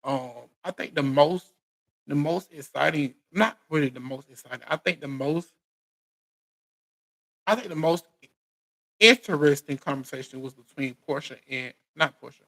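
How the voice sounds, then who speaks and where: A man's voice: medium pitch, a little slow, vocal fry, long pauses, a bit bright, poor audio. An American man hosting a casual live recap, speaking in informal colloquial phrasing and often restarting and repeating his phrases. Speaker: recap show host. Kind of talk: casual live recap chat about reality TV.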